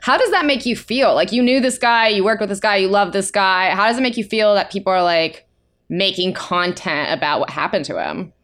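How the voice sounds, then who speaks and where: A woman's voice: mid-range voice, fairly quick, a bit bright. Blunt, casual woman host. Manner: blunt, swears, reacts with disbelief. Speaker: podcast host. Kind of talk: casual interview chat.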